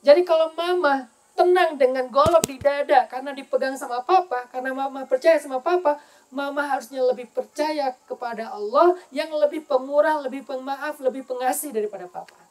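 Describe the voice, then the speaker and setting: A calm husband in a sermon story, soft and unhurried, steady as the storm rages , as the preacher voices him. His words come low and gentle. Nothing in the delivery rushes. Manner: soft, slow, reassuring.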